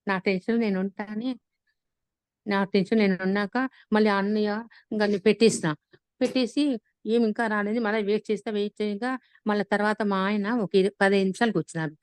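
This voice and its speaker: Woman, rapid speech, dry close sound, animated personal story over a video call. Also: medium pitch, clean tone, dry recording. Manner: animated retelling with frequent restarts. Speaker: class participant sharing an experience.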